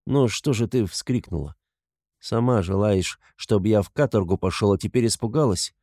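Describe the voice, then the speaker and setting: A man playing a tormented, gloomy young man who speaks bitterly and often quietly in a storybook reading. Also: lowish voice, moderate pace, husky, no room sound, clean studio sound.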